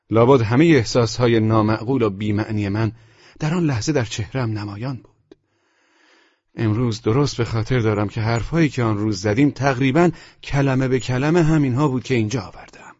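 Husky man narrating a novel. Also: lowish voice, darkish tone, no room sound, muffled recording. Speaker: audiobook narrator. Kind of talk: first-person literary narration.

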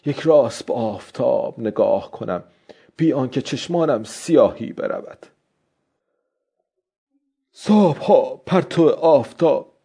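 A man voicing an old fisherman who talks to himself in a low, measured way, in an audiobook. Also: vocal fry, dark tone, husky, heavily acted. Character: old male fisherman, weathered and patient. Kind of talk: audiobook character voice.

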